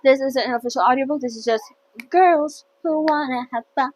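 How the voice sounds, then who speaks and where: Reading a novel aloud a little fast in her high voice, this host keeps things chatty and playful, frequently tripping over words and correcting herself. There's slight background noise.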